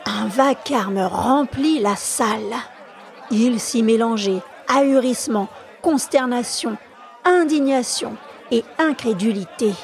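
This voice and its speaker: A woman podcast storyteller reading a classic novel aloud in a measured, expressive way. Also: a little high, some chatter behind.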